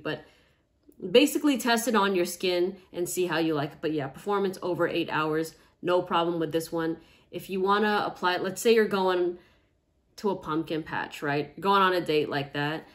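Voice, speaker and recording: Chatty woman reviewing perfumes. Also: on the low side. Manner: chatty and emphatic, often tags "okay?". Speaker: fragrance reviewer. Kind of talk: casual product review vlog.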